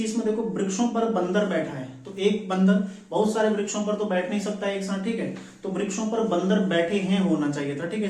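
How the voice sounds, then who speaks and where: His voice is high with a somewhat dark tone as he drills exam practice questions, questioning himself and supplying the answers, with frequent "ठीक है". The recording is echoey, and he sits far from the mic.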